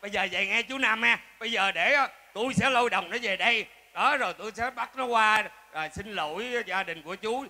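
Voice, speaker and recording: A man's voice: sits high, brisk, few pauses, bright, forceful tone. A man with a Southern Vietnamese accent, playing an exasperated father in a comedy sketch, full of exclamations.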